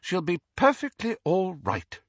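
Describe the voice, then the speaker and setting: Man doing a severe older schoolmistress, raised pitch, husky, precise and cold, dull dry recording. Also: huge pitch swings, a little slow, dry recording, exaggerated voice. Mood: sharp. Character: stern older female professor.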